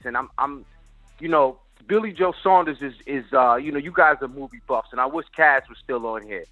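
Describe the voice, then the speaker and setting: A man's voice: medium pitch, no echo, phone-quality sound. A man talking boxing in casual street slang, hyping things up and addressing the listener like a buddy.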